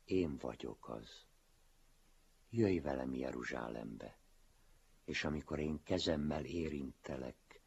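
A man voicing a calm, gentle male teacher who speaks softly, at times close to a whisper, in a very husky voice. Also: sits low, heavily acted. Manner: soft, hushed, sometimes near whisper. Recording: dull lo-fi recording.

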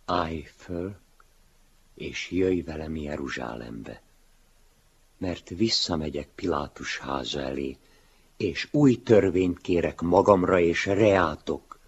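A man voicing a calm, gentle master who speaks softly and mildly, in a dull lo-fi recording. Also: deep voice, husky. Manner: soft-spoken and gentle. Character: gentle, calm male teacher figure, a mild master.

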